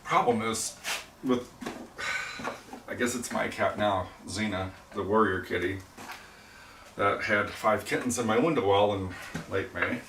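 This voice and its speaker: Chatting on a livestream while he works at pottery in his studio, this middle-aged man rambles and makes self-deprecating jokes. His voice is on the low side, a little slow, with long pauses, and the noisy recording comes from a distant mic in an echoey room.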